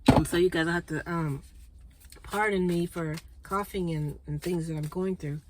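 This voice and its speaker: A woman's voice: on the low side, fairly even intonation, moderate pace, background noise. Congested woman doing a chatty card reading. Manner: chatty, checks in with viewers with frequent "okay?". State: congested, clearing throat and coughing. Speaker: spiritual card reader and channel host. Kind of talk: casual spiritual card reading to viewers.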